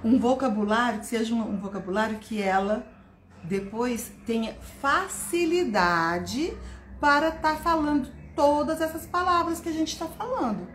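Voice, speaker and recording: A woman teaching a live online class to parents and educators, animated and stretching her words, greeting viewers by name. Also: fairly high pitch, measured pace. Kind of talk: live-stream teaching talk. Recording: roomy echo, faint background noise.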